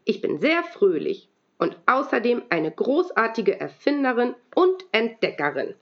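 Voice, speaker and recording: A woman reading aloud and voicing a cheerful, cheeky little girl inventor in a bright, excited, quick voice. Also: a little high. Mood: proud. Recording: dull lo-fi recording.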